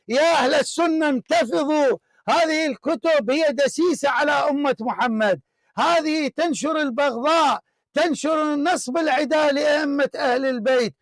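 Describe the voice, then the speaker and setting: A man hosting a heated religious debate, confrontational and repeating his demands, often shouting. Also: very high voice, no room sound. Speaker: debate show host.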